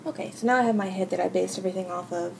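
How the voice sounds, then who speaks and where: Creaky-voiced woman giving a casual craft tutorial. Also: mid-range voice, a little mellow. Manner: informal, halting, thinking aloud. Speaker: hobby video host. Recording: noisy home recording.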